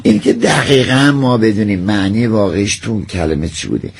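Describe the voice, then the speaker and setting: A man's voice: fairly low pitch, lively intonation, a little hiss or hum. A man, addressed as doctor, explains word origins and folk tales in a hesitant, conversational way with many fillers. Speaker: expert guest.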